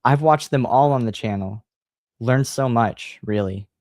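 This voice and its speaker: A man's voice: mid-range voice, measured pace, darkish tone, dry recording, studio quality, natural voice. A man reading aloud and voicing a meek, stammering little girl who makes movies. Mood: timid. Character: timid young girl who loves making movies.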